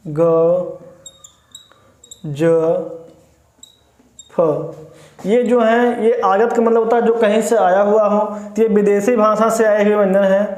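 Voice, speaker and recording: A man's voice: high voice, a little mellow. A man teaching Hindi grammar to exam students, explaining step by step and often checking in with the class. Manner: repetitive, explains step by step, frequent "ठीक है ना" check-ins. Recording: echoey room.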